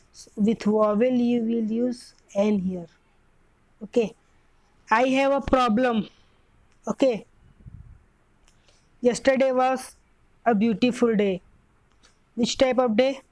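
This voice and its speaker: Indian english lady teaching grammar, slow, kinda high voice, dry sound. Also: a little mellow, no room sound, low-quality recording. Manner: slow, repeats and corrects herself. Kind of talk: grammar lesson.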